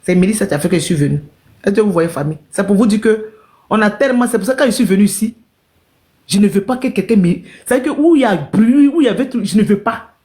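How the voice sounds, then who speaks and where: A woman's voice: mid-range voice, warm tone. An emotional woman speaks straight to her live-stream viewers and keeps circling back over her own painful story. Her telling is repetitive and heartfelt, with frequent direct questions to the audience.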